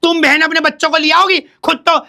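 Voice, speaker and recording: A man playing a brash, bossy young woman who scolds her older sister loudly in a comic sketch. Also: very high-pitched, level tone, fast, exaggerated voice. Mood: ranting. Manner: loud, scolding, theatrical.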